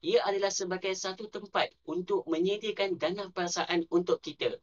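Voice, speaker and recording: In a muffled recording, this high-sitting male voice belongs to a Malaysian Malay-accented personal finance YouTuber reading a scripted explainer. He works through numbers and statistics in a measured, deliberate manner.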